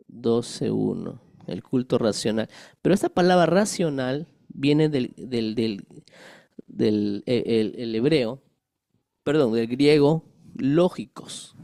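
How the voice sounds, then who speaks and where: A man's voice: mid-range voice, creaky, dark tone, dry recording, clean studio sound. A middle-aged male pastor giving a conversational Bible-study sermon, explaining verses with everyday examples and asking the congregation rhetorical questions.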